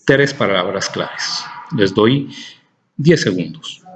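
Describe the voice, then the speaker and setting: A male philosophy lecturer with a Honduran Spanish accent, dictating a text slowly and spelling out words letter by letter for his students. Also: on the low side, animated, slight background noise.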